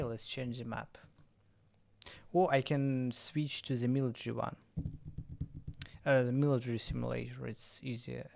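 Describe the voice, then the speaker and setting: A man streaming a drone-flying game, chatting casually in halting English. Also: mid-range voice, vocal fry. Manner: halting, self-correcting non-native English.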